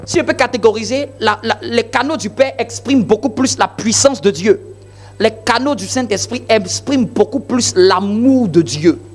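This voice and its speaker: A male pastor delivering a sermon in an emphatic, repetitive preaching style full of rhetorical questions. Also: high-pitched.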